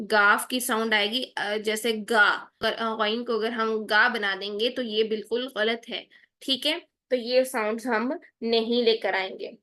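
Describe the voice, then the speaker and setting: A woman's voice: on the high side, sharp tone. A woman teaching Quran pronunciation in an online lesson. She explains patiently and keeps checking in with "theek hai".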